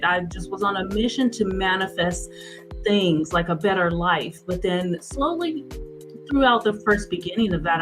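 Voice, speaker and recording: A woman in her forties, a guest in an interview, telling her story earnestly with halting restarts. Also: on the low side, low-quality recording. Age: 40s.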